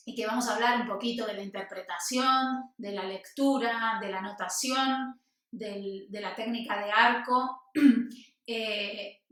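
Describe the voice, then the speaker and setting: A woman teaching double bass, explaining patiently, singing rhythms with syllables and counting aloud. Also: bright, forceful tone. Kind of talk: instructional music lesson. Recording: very echoey room.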